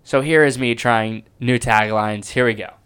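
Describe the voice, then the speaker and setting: A comedian talking excitedly and reflectively as he breaks down his own stand-up set. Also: mid-range voice, normal speed, clear, resonant tone. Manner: enthusiastic and self-reflective, with restarts.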